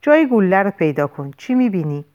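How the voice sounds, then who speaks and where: A woman voicing a firm, steady female paramedic giving urgent orders, in an audiobook. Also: medium pitch, muffled recording, natural voice.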